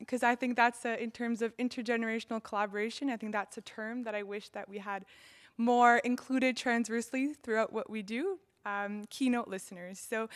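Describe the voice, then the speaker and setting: Woman host, higher voice, smooth and clear, friendly transitions with fillers. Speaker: session host. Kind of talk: event hosting.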